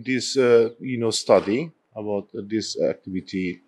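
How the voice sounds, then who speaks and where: A man's voice: fairly low pitch, a little slow, darkish tone, no echo. A man who natively speaks Kurdish, interviewing and interpreting in a hesitant way, searching for his words.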